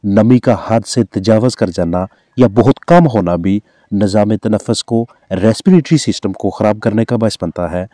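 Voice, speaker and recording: A man's voice: fairly low pitch, normal speed, dry recording, studio quality. A man with a Pakistani Urdu accent, a veterinarian giving formal, instructive, scripted voice-over narration. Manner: formal, instructive, steady delivery.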